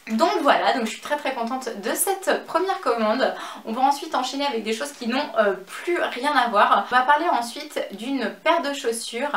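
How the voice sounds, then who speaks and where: A French woman chatting through a fashion and beauty haul at home, with many fillers and a slow pace over each item. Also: high-pitched, expressive, a bit bright. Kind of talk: casual haul vlog. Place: home office and makeup room. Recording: echoey room, faint background noise.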